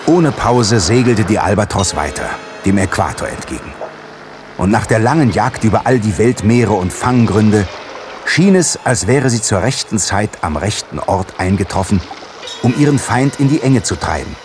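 A man's voice: on the low side, lively intonation, moderate pace, background noise. A man narrating a scripted seafaring tale as the narrator of an audio drama.

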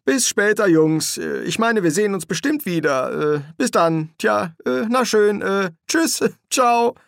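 A man's voice: sits high, huge pitch swings, measured pace, vocal fry, dry recording, clean studio sound, pitched above the performer's own voice, full character voice. Man doing a jittery, stammering demon. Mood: nervous. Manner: stammering, hesitant. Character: nervous, fawning male demon, eager to please.

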